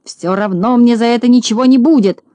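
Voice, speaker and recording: A woman voicing a furious bald male shorty landowner, shouting and screeching threats. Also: medium pitch, normal speed, dry recording, lightly acted. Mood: shrill rage.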